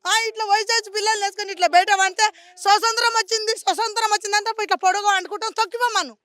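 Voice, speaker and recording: A woman with a strong Telangana accent pours out an impassioned complaint to a street reporter, pleading and repeating herself. Her voice sits very high and sounds sharp and forceful. The sound is dry and close, with no room echo. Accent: Telangana Telugu. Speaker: local resident interviewed on the street.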